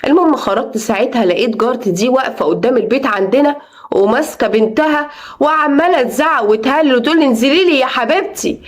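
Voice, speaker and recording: Middle-aged Egyptian woman, first-person storyteller: high, rapid, earnest. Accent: Egyptian Arabic.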